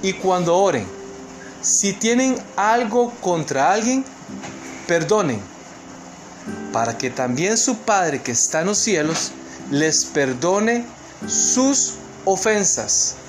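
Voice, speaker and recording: A man's voice: sits high, sing-song, slow pace, over music. A Costa Rican man giving an online seminar talk, earnest and emphatic, with many fillers and restarts. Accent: Costa Rican Spanish. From Costa Rica. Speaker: seminar speaker.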